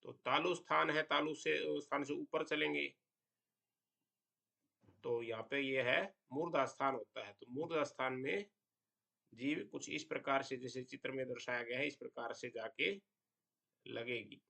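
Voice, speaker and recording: A man gives a Sanskrit pronunciation lesson at a very unhurried pace. His voice is strongly gravelly, with a bright, pressing tone. He explains step by step and lingers on each example sound. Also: mid-range voice. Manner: slow, deliberate explanation with drawn-out example sounds. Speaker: Sanskrit teacher.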